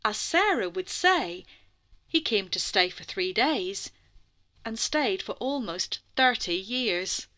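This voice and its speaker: A female storyteller reads a bedtime story for children slowly, at a medium pitch. Her telling is expressive, with drawn-out dramatic phrases and hushed sections.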